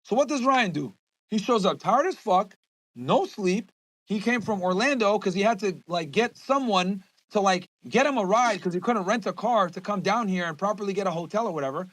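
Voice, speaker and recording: A man's voice: sits high, expressive, moderate pace, a bit bright, no echo, low-quality recording. A young man hosting a podcast, speaking to his viewers in a heated, profane rant that keeps circling back on itself. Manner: heated, profane, repeats himself. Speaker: podcast host.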